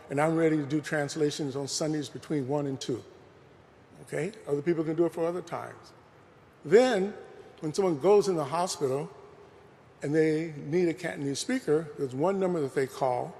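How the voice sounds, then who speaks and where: His voice leans high yet carries a darkish tone as he lectures earnestly and conversationally, repeatedly saying "you know." The talk rings out in a large museum hall with long reverb.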